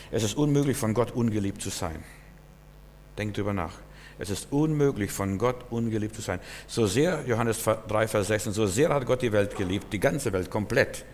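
A man's voice: lowish voice, a little mellow, a little hiss or hum. A man preaching a sermon in German, earnest and repetitive, speaking straight to the listener. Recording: long reverb, hall.

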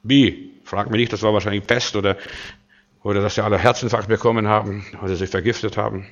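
A man's voice: fairly low pitch, fairly even intonation, quick pace, lo-fi sound. Man preaching with strong swings in volume. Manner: emphatic, swinging from loud declarations to quiet asides, many rhetorical questions. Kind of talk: sermon.

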